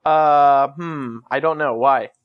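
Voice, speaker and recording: A man's voice: medium pitch, slow pace, clear, resonant tone, no room sound, highs cut off. A man hosting a call-in talk show, chatting casually in a hesitant, rambling way.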